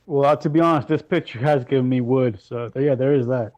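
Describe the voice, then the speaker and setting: A man's voice: medium pitch, fairly quick, darkish tone, lo-fi sound. A man in casual banter with fellow veterans, blunt and profane, laughing often.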